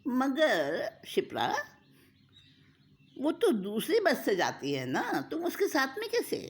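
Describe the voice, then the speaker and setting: A woman's voice: high-pitched, huge pitch swings, slow, husky, pitched above the performer's own voice, full character voice. A woman voicing a caring older sister who speaks in a soothing, coaxing way. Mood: concerned.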